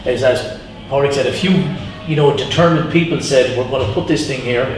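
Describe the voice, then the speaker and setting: A man's voice: medium pitch, a little fast. A male interviewer with a mid-range voice chats casually and readily agrees. He is some way from the microphone in a strongly echoing space. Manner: agreeing often with short interjections. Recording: very echoey, distant mic, faint noise.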